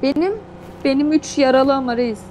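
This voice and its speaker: A woman's voice: high-pitched, fairly even intonation, normal speed, warm tone, slight background noise. A woman co-player teasing her partner playfully in casual chat during a game.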